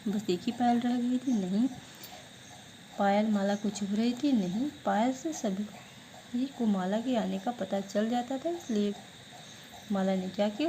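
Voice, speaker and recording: A woman teacher giving an online class lesson, who asks questions and answers them herself, drilling words slowly syllable by syllable. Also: on the high side, dark tone, a little hiss or hum, poor audio.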